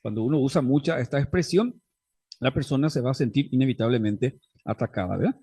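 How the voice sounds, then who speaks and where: Guy w a teaching a family class, dark husky voice, keeps asking right?. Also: medium pitch, a little fast. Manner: conversational teaching, frequent tag questions. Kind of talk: faith-based class on family conflict.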